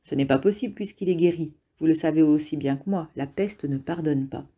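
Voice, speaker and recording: A woman's voice: sits low, brisk, warm tone, husky. A woman reading a jittery, defensive male rentier. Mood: defensive, agitated. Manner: agitated, blustering, sometimes pleading. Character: nervous middle-aged male rentier, defensive.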